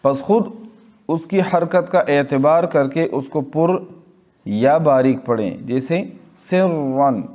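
Slow, patient man teaching recitation. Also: on the high side, a little mellow. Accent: Pakistani Urdu. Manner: patient, repeats example words, asks and answers his own questions. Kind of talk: slow tajweed lesson.

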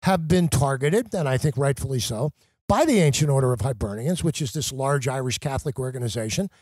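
A man's voice: mid-range voice, lively intonation, brisk, a little mellow, slightly rough, dry recording. A man who works as a journalist and talk radio host, a guest on a podcast, arguing his points with emphatic, impassioned conviction. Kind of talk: podcast conversation.

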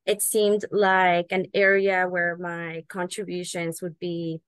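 Woman, 30s, from Ecuador, native Spanish speaker; earnest measured panelist over webcam, lower pitch, dry. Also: level tone, clear, resonant tone, dry recording. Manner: earnest, measured, with frequent fillers. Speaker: immigration attorney, panelist. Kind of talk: webinar panel answer. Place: indoor room on a video call. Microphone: video call webcam.

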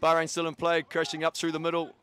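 A man giving steady play-by-play rugby commentary. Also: fairly high pitch, quick pace, clear, resonant tone. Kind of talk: live sports commentary.

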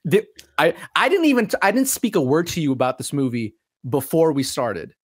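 Excitable guy cohosting a movie podcast, swears a lot, pitch jumps all over, dead dry room. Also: fairly quick, slightly rough, dry recording. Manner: animated and excitable, swears freely. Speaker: podcast co-host. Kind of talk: casual film review chat.

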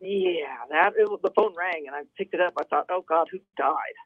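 A woman's voice: fairly quick, no echo. Chatty woman on a tinny phone line. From San Diego area, California. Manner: lively, chatty, quotes people with big pitch jumps. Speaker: guest caller. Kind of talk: casual storytelling on a radio call-in. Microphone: telephone.

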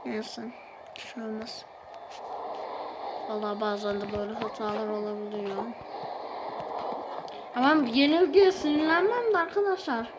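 A woman's voice: fairly high pitch, moderate pace, long pauses, very noisy. A woman giving casual commentary over a mobile game, exasperated and pleading with a phone that won't respond.

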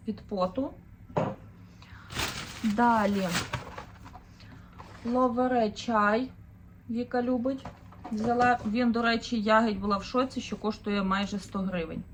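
A woman's voice: fairly high pitch, a little hiss or hum. A woman in her thirties from Ukraine, chatting casually through a shopping haul as a vlogger, thinking aloud with fillers. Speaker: vlogger, mother of four.

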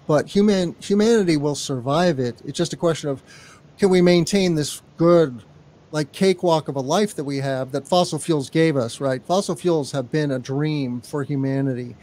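A man's voice: a little high, darkish tone. Easygoing chatty male podcast co-host. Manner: chatty, easygoing, quick to banter. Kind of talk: casual chat.

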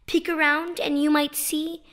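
In a storybook read-aloud style, a children's poetry author reads her poems a little slowly with a level tone. Her voice is notably high, bright and forward, and she stays playful and sing-song while clearly emphasizing key words.

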